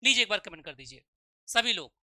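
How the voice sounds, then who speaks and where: A man teaching a live online exam-prep class. He keeps asking "okay?" to check that his students follow, calls them "children," and drills sounds slowly one at a time. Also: sits high, expressive, bright, forceful tone, no echo, studio quality. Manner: calls students 'children' and 'dear'.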